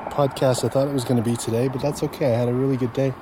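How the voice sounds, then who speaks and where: A man's voice: mid-range voice, little pitch movement, rapid-fire. A man hosting a casual solo podcast, chatting in a hesitant, meandering way. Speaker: podcast host. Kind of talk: casual rambling solo chat. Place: inside a car. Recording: loud car and road noise.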